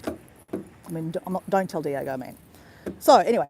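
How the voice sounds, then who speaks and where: A woman's voice: low voice, expressive, normal speed, noisy background. An Australian woman chatting casually to her viewers on a live walk, calling them guys again and again. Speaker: travel vlogger. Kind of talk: casual live-stream chat. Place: outdoors in a park by a river.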